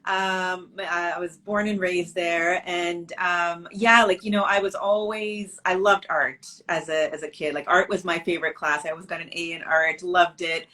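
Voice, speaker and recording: A woman's voice: lowish voice, fairly even intonation, normal speed, hardly any pauses, pushed and bright. A middle-aged woman from Canada, a business owner chatting casually in an interview over a video call, with lots of fillers and restarts.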